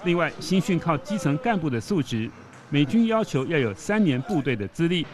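A male reporter giving steady, explanatory news voice-over narration. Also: a little high, brisk, over a noisy crowd.

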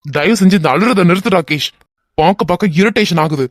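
An exasperated young husband from a cartoon, voiced by a man with a Kanyakumari Tamil accent. He scolds his friend in a sharp, weary way, with a voice somewhat high for a man. The sound is dry and close to the mic. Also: brisk, no echo. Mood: angry. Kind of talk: animated web cartoon voice acting.

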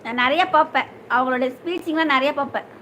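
A young woman hosts a casual live stream, her voice high and bright. She greets viewers one by one, reads their comments aloud and asks after their meals and families, over a faint hum of room noise. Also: fast. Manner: greets viewers by name, asks if they have eaten.

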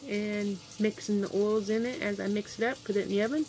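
Cooking at home in Kansas, an older woman vlogger rambles and thinks aloud to camera in a brisk, steady, dark mid-range voice. The built-in camera mic, which she drifts toward and away from, catches a little hiss, tap water and clattering.

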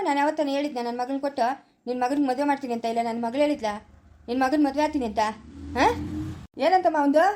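Lady doing an angry village dad yelling accusations, high mellow voice, fast. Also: close to an everyday voice. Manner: shouting, accusing. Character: angry middle-aged village father. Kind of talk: village family skit acting.

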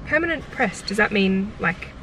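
A woman's voice: medium pitch, lively intonation, normal speed, bright, forceful tone. A young woman chatting with a friend about thrifted clothes, making short, dry, playful remarks. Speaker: friend co-hosting the haul. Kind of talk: casual chat. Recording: distant mic with clear background noise.

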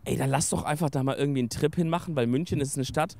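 A man's voice: fairly high pitch, very fast, a little mellow, slight background noise. A young man hosting a podcast and chatting casually in youthful slang. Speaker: podcast host, streamer. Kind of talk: casual chat.

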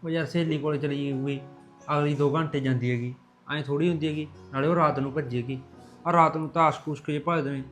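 A man's voice: fairly high pitch, steady tone, quick pace, fairly bright tone, soft background music, lightly acted. A man playing an irritable, brooding brother. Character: angry brother fretting over a runaway sister.

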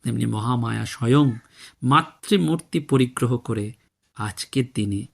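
A man with a Bengali accent giving a slow, measured devotional talk, telling stories and quoting dialogue in a reverent tone. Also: mid-range voice, vocal fry. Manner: slow, measured, devout storytelling with quoted dialogue. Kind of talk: reflective spiritual talk.

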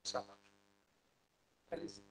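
Halting male conference moderator. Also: poor audio. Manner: halting, stumbles over words.

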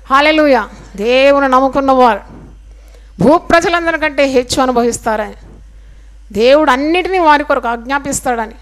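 A woman preaching a sermon fervently, asking the congregation questions and answering them herself, often calling out hallelujah. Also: high voice. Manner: call-and-response questions to the congregation; fervent, repeats hallelujah and praise to God.

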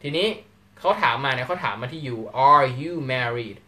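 A man teaching English grammar in a live lecture, animated and acting out short question-and-answer exchanges. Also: medium pitch, a little fast.

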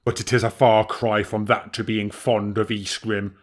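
A man voicing a big male bear, a stern royal messenger who speaks slowly, heavily and solemnly. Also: on the low side, flat delivery, natural voice.

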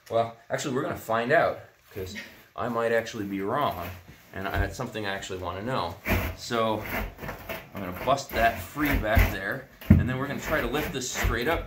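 A middle-aged natural builder with a lowish voice takes apart a cob heater indoors in a barn workshop, explaining hands-on while rambling with plenty of ums and uhs. The recording is very noisy with a roomy indoor echo.

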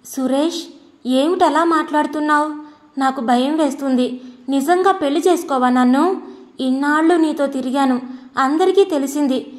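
A woman's voice: high-pitched, normal speed, pauses often, lightly acted. A woman voicing an anxious young woman in love, pleading earnestly.

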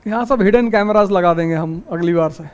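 Male exam-prep teacher with a high voice. Folksy, storytelling classroom lecture. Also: fairly quick. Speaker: civil services exam teacher.

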